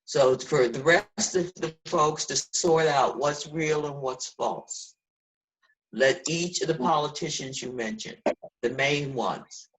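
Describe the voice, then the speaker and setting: A woman's voice: sits low, takes it slowly, low-quality recording. A woman in her sixties talking earnestly and preachily in a casual video call discussion, as host. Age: 60s.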